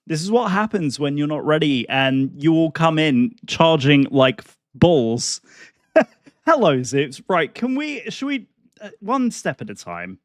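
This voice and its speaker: A British man livestreaming, greeting viewers in an excitable, effusive and playful way with casual chat. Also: fairly high pitch, a little slow, no echo, studio quality. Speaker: live streamer.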